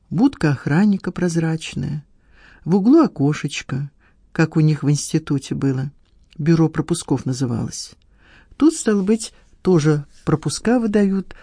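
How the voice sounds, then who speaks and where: Mellow, dry audiobook narrator. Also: mid-range voice, slightly rough, dry recording.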